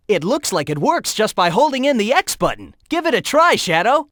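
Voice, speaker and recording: A man's voice: high-pitched, fairly bright tone, no room sound, studio quality. An actor playing a cocky young male hedgehog hero, giving breezy, upbeat tips in video game voice lines. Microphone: close studio mic.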